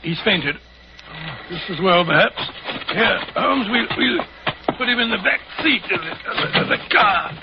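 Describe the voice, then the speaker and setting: A blustery, good-natured older British doctor from a 1940s radio play. The voice sits high and often stumbles over words. The recording is dull and a little noisy. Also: male voice, lively intonation, normal speed. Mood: fussy, bumbling. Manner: blustery, hesitant, stammering. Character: fussy, loyal, good-natured older male English doctor. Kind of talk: 1940s radio drama acting.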